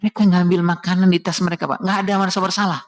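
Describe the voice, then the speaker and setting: A middle-aged man delivers a heartfelt storytelling sermon on parenting in a mosque. His voice is gravelly and sits slightly high. He keeps drawing the congregation in by addressing them directly. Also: level tone, racing. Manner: emotional, addresses the audience directly and often. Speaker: parenting speaker at a mosque study session.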